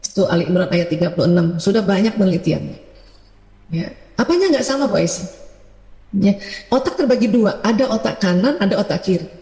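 A woman's voice: mid-range voice, brisk. Woman preaching in an echoey hall. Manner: lively, acts out parents' and children's voices, rhetorical questions. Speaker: Islamic parenting preacher. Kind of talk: religious talk on parenting. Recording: echoey hall with long reverb.

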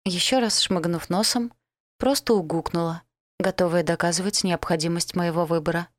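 Low-voiced woman narrating an audiobook. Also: normal speed, no echo, studio quality. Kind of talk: first-person scripted narration.

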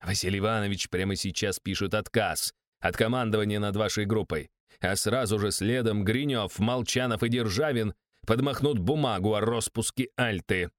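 Man voicing older secret police count, harsh, contemptuous, low dry voice. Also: moderate pace, dry recording, natural voice. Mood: menacing. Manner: contemptuous, menacing, bullying.

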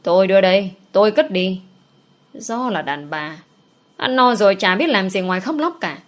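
A blunt older husband from a village tale, scolding and gruff, as a woman reading the story puts him on. He speaks at an ordinary middle pitch for the reader. The delivery stays plain, as in a read-aloud storybook. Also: normal speed, natural voice.

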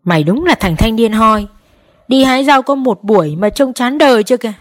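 A woman voicing a gruff older farmer who lectures his son, in a spoken story. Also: fairly high pitch, lively intonation, a little fast, natural voice. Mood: scolding. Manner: scolding, lecturing. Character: gruff older male vegetable farmer, scolding father.

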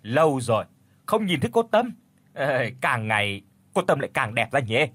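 A man's voice: mid-range voice, sing-song, moderate pace, fairly bright tone, dry recording. A man voicing a poor, lame young village man who jeers and teases in a spoken story. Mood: jeering. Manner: jeering, teasing.

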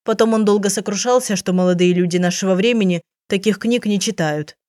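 A woman's voice: medium pitch, brisk, a little mellow, no echo, studio quality, close to an everyday voice. A woman reading an audiobook, voicing an eccentric, theatrical aunt who is a writer, in a plaintive, dramatic manner.

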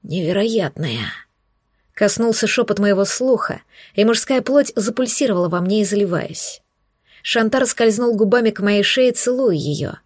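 A woman reading a first-person romance audiobook in a soft, intimate, hushed way. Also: on the high side, dry recording, clean studio sound. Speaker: narrator.

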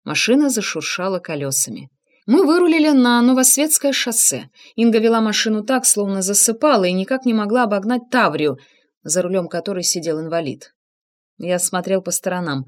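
Expressive woman reading a novel aloud. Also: brisk. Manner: expressive, shifting pitch for emphasis. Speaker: audiobook narrator. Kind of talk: first-person novel reading.

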